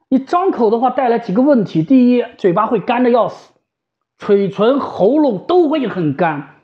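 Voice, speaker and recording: A woman giving an informal, conversational explanation as a specialist, repeating phrases for emphasis. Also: fairly high pitch. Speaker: home ventilator specialist and shop staff. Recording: slightly dull, lo-fi sound.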